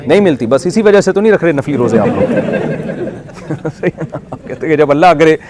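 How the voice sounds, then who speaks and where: A man's voice: on the high side, big pitch swings, normal speed, crowd noise. A man, preaching a conversational sermon full of jokes and rhetorical questions to a community abroad. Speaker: Islamic preacher. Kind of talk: sermon to a congregation.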